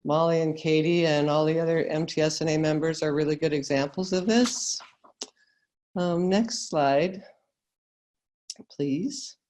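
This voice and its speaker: An American woman with a croaky frog voice, giving a webinar presentation as a guest speaker. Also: deep voice, steady tone, unhurried, pauses often, darkish tone. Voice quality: croaky, froggy voice. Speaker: guest presenter, school food service director. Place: remote online webinar.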